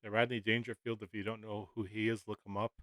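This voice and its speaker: A man hosting a reaction video, giving casual, halting commentary full of filler words. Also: on the low side, level tone, background noise. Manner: hesitant, many "uh"s.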